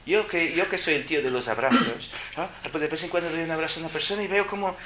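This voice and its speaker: A man giving a live spiritual talk to an audience, animated and joking, with lots of rhetorical questions. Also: a little high, quick pace. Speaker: spiritual speaker. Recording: roomy hall with ambient noise.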